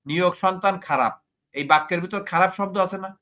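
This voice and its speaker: A man hosts a heated debate on a live stream, repeating himself, taunting his opponent, and throwing insults. His voice sits high and is fast, bright, and forceful.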